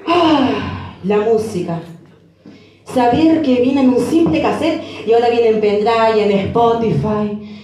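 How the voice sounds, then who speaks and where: A man's voice: extremely high pitch, takes it slowly, darkish tone. A man with an Argentine accent from Entre Ríos performing a live one-man comedy show, with brash, chatty banter toward the crowd. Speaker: stand-up comedian. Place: municipal cultural center stage, live. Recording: very echoey hall, distant mic.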